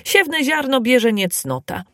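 Excitable little dwarf man read by a woman, raised emphatic voice, storybook, dry recording. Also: sits high, slow, no echo, pitched above the performer's own voice, full character voice. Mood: indignant, pleading. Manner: loud, emphatic and indignant. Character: bold, excitable male dwarf.

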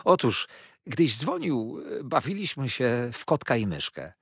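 As a storybook reader, a man voices an effusive young male lawyer, cheerful, gushing, and breathless, showering questions, in a heavily acted, very animated delivery pitched above his own voice. The voice is medium-pitched, a little slow, gravelly, husky, and fairly bright, recorded at studio quality with no room sound.

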